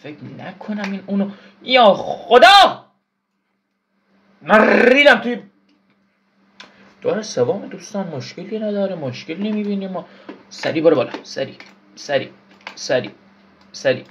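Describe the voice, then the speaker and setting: Excitable frustrated male gamer, lo-fi. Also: high voice, long pauses. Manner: frustrated, swears and yelps at the game. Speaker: gaming YouTuber. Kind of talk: casual gameplay commentary.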